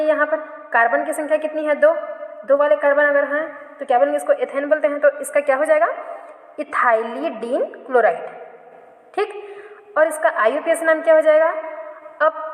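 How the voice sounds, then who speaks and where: A woman chemistry teacher giving a classroom lecture, asking questions and answering them herself, often repeating and correcting herself. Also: high voice. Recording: echoey room, long reverb.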